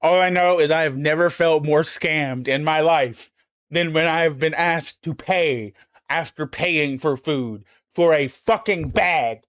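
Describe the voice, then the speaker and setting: A man with a notably high-pitched voice hosting a live stream, ranting emphatically and swearing freely as he chats. The sound is close and dry, with almost no room around it. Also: unhurried, a bit bright, smooth, no echo. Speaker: livestream host. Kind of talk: casual chat.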